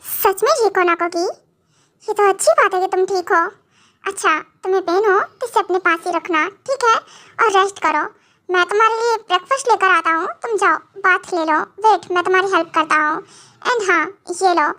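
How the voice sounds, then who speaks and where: A woman's voice: very high voice, normal speed, pushed and bright. A young woman voicing a caring, flustered young husband in an amateur audio drama, fussing with anxious repeated questions. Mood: worried.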